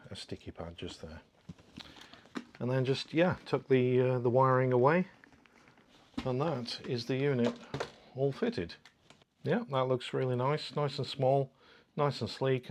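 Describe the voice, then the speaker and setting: In a mid-range voice with a touch of background noise, the product review host casually unboxes and fits the item, explaining each step as he goes.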